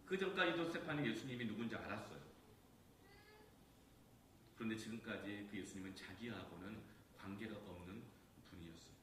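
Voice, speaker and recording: A male pastor preaching in a church sanctuary, telling a story that drops to hushed quoted lines and climbs to loud, emphatic peaks. His voice sits on the low side and reaches the mic from a distance. A long church echo hangs behind every phrase, over a clear hum of room noise. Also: animated, a little fast, pauses often. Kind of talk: sermon storytelling. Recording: echoey church hall from far off.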